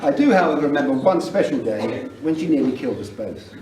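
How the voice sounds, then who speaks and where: A man's voice: medium pitch, lively intonation, fast. A middle-aged man with an English accent, giving a humorous wedding speech as father of the bride. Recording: roomy, noisy event recording from far off.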